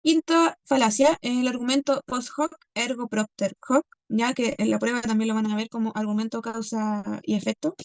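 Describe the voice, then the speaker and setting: A woman teacher reviewing a class lesson, checking in constantly with "¿ya?" and "¿cierto?" and pausing on many fillers. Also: a little high, steady tone, no echo. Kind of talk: recorded class review lecture.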